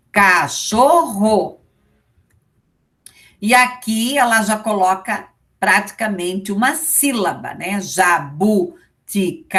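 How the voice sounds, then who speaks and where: A woman's voice: on the high side, fairly bright tone, echoey room. A woman teaching an online class, explaining step by step and checking in with her students often.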